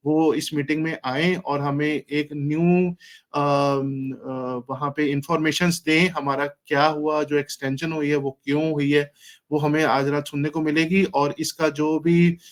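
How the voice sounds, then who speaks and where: A man's voice: on the high side, level tone, unhurried. A man giving casual announcements in an online meeting, hesitant and full of fillers.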